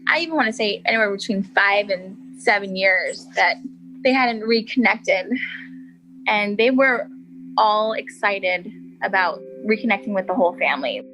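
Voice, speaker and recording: A woman's voice: mid-range voice, moderate pace, pushed and bright, slight background noise, poor audio. A woman interviewee recalling her sister in a chatty, casual way. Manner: chatty, with frequent "like" fillers.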